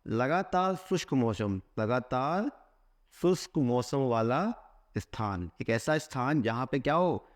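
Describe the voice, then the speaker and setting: A man teaching exam vocabulary at a steady middle pitch. He keeps asking a question and then answering it with the key word said twice. He reads English phrases out slowly, one word at a time. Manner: asks a question, then answers it with a repeated keyword. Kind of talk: explaining a vocabulary lesson.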